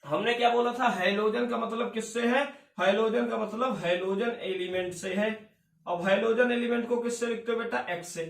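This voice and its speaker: A male chemistry teacher with a fairly high voice lectures his class at a moderate pace, firing off questions and answering them himself while calling the students beta and bhaiya. The room is echoey and his voice sounds far away.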